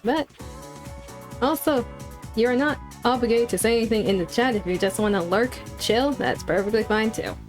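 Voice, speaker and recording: A woman's voice: a little high, moderate pace. A woman streamer chatting to her viewers during a live game stream, with a cute, bubbly anime-streamer delivery. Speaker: VTuber streamer. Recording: music in the background. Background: game music.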